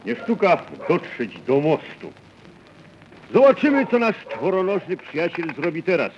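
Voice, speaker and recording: An urgent, animated dog-tracker in a 1930s radio play. Raised, lively pitch. Old worn tape, hissy and dull. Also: male voice, moderate pace. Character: man following a dog with the commissioner, eager and insistent. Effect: old worn archival tape. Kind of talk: 1930s radio drama acting. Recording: scratchy, dull, hissy 1938 radio recording.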